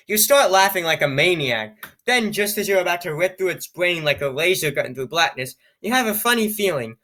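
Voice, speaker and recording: A man's voice: fairly high pitch, pushed and bright. A man reading an AI-written story aloud, breaking off for sarcastic, amused comments and stumbling over odd words. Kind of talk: reading aloud with joking asides.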